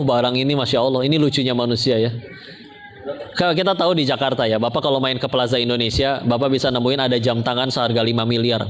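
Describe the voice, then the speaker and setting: Man preaching a lively, joking sermon. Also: mid-range voice. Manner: humorous, acts out characters in quoted dialogue. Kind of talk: casual sermon with storytelling.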